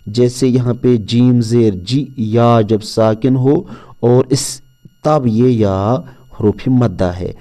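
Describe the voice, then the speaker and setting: A man delivers a calm pronunciation lesson at an unhurried pace, his voice mellow and dark. He patiently repeats each rule and stretches out every example sound so a learner can follow. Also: mid-range voice. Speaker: Quran pronunciation teacher. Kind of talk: slow step-by-step lesson.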